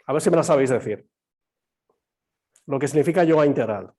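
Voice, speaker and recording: Man, slightly hoarse, patient yoga teacher, video call mic. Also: fairly high pitch, animated, brisk, darkish tone. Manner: explains patiently, quizzes students, many fillers. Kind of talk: online class lecture. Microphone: computer mic on a video call.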